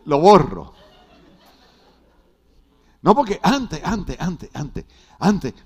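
A man preaching a lively, joking sermon to a church congregation, his voice pitched a little high. He swings from loud bursts to quiet asides as he teases the crowd. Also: very slow, husky. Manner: animated, jokey preaching with wide swings in loudness. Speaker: pastor. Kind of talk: humorous sermon. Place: church hall.

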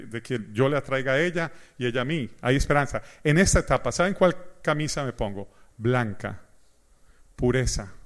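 A middle-aged man preaching a sermon as pastor, telling stories and acting out both sides of a conversation. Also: mid-range voice. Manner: animated storyteller, acts out dialogue. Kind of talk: sermon with humor.

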